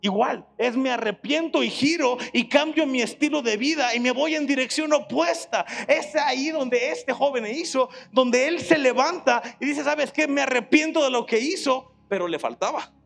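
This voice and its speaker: Mexican pastor preaching live in church, gravelly voice, faint music under it. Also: male voice, very high-pitched, moderate pace, hardly any pauses, a bit bright. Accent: Mexican Spanish. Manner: preaching with call-and-response to the congregation; acts out imagined voices of critics and the prodigal son. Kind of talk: sermon. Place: church service.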